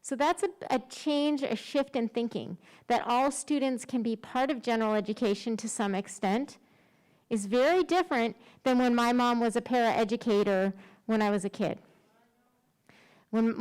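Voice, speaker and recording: A woman's voice: a little high, darkish tone, smooth, low-quality recording. A middle-aged woman giving a conversational conference presentation, informal and self-deprecating, speaking through a face mask that slightly muffles her words. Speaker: special education director presenting.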